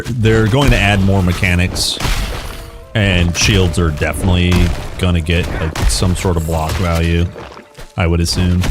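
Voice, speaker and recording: A man streaming a game live, chatting casually in an informal, enthusiastic, rambling way. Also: sits low.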